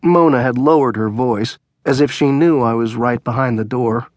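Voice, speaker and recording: A man audiobook narrator telling a story in the first person, in a wry, low-key way. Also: moderate pace, no room sound.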